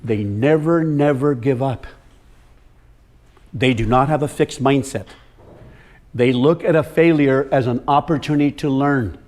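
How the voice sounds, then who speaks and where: With a medium-pitched, darkish voice, a man gives a soil health lecture to farmers, moving a little slowly and pausing often. He is emphatic and direct, repeats words to stress them, and walks around calling on his audience.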